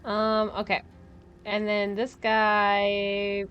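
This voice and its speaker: A woman's voice: mid-range voice, completely flat delivery, drawn-out words, clean tone, highs cut off. A woman streaming a game, chatting casually and thinking aloud while she plays, with frequent laughs. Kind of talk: casual gameplay commentary.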